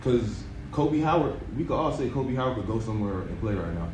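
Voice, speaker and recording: A man's voice: fairly low pitch, expressive, a little fast. A man from the southern United States talking casually as a member of a team meeting. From southern United States, Alabama. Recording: echoey room, distant and noisy.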